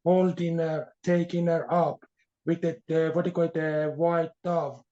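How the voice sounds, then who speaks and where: A man from Iran, an author being interviewed, speaking haltingly with frequent fillers as he searches for words. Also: fairly high pitch, little pitch movement, dark tone. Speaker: author guest. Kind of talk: podcast interview. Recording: dull lo-fi sound.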